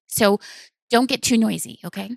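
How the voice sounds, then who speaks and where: A woman organizer making announcements to an audience, hurried and losing her voice. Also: a little high, creaky, no echo, poor audio. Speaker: event organizer introducing speakers.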